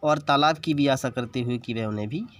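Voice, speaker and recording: A man's voice: mid-range voice, fairly quick. A man teaching an English lesson, reading English lines in an Indian accent and explaining each word patiently. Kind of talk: bilingual classroom lesson explaining an English text.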